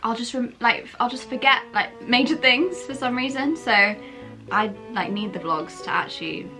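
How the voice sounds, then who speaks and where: A young woman chats as a guest over food, bubbly and quick to laugh. Her voice is a touch high. Clear music runs beneath her. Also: bright, forceful tone. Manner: bubbly, chatty, giggly. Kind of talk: casual chat while eating.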